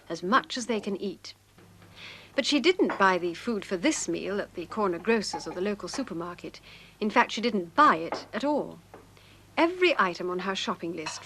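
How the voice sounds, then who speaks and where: A woman's voice: medium pitch, fairly bright tone, slight background noise. A woman reporter reading a scripted narration.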